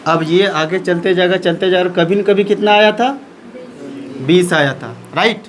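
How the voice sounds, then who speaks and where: A man's voice: high-pitched, measured pace, a bit bright, poor audio. A man teaching a maths lesson in speech, asking questions and answering them himself.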